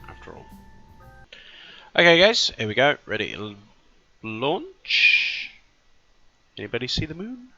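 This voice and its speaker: A man gives casual let's-play commentary, thinking aloud as he plays and often correcting himself mid-sentence. His lowish voice sounds pushed and bright, in a dull lo-fi recording.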